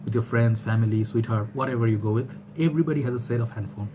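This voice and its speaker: This Bangladeshi vlogger, a man in his thirties, talks fast in a mid-range voice over background noise. Speaking to a webcam in a small room at home, he gives a casual opinion monologue, animated and gesturing with his hands, rambling with lots of fillers and restarts.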